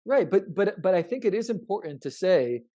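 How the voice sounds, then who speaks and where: A man with a high, mellow voice and lively intonation describes his research during a podcast chat. His speech is halting and repetitive, full of emphasis and check-ins.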